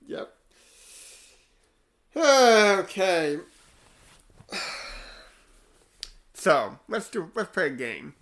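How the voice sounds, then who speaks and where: A man from Philadelphia co-hosting a casual podcast, easygoing and quick to laugh. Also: a little high, sing-song, gravelly, fairly bright tone, reverberant. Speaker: podcast co-host.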